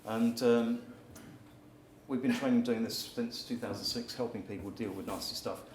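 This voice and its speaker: At normal speed and medium pitch, a man gives a brief live talk, guiding the crowd through exercises with energy and occasionally shouting. Recorded far from the mic in an echoey event hall, the clip carries audience noise.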